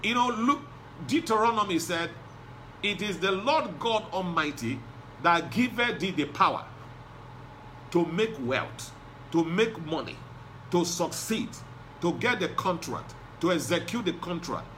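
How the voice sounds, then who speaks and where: A man's voice: high-pitched, animated, unhurried, pushed and bright, slight background noise. A male pastor preaching a sermon, driving points home with emphatic repetition.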